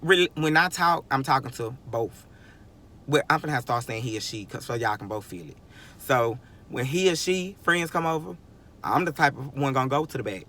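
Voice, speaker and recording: His voice is a little high, bright, and forceful: a vlogger in his twenties giving an emphatic, wandering motivational monologue, full of chuckles and sentences begun again.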